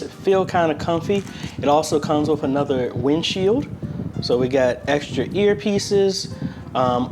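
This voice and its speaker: A medium-pitched male voice comes through with background noise as an American video host, who is also in a church media ministry, does a laid-back unboxing review. He talks conversationally and thinks aloud from an apartment room indoors.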